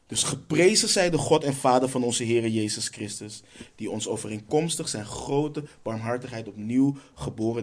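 A man preaching a sermon, reading Bible verses aloud and answering his own rhetorical questions. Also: mid-range voice.

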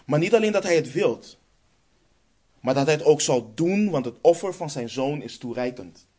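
A man's voice: on the high side, expressive, moderate pace, warm tone. A man with a Dutch accent preaching a sermon, emphatic and stressing points by repeating phrases.

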